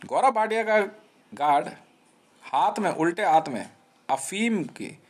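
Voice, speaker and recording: A man with a fairly high voice talks on and on in a rambling live monologue. He jabs at his listeners with taunting slang. He keeps circling back and repeating himself. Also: big pitch swings, takes it slowly. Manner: restless, repeats himself and restarts. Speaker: live streamer.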